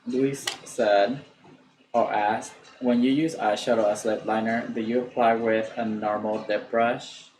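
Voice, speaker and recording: Guy reading stream chat questions out loud, echoey room, bit of noise. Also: on the low side, level tone, unhurried. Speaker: co-host reading viewer questions. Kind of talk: reading out livestream chat comments.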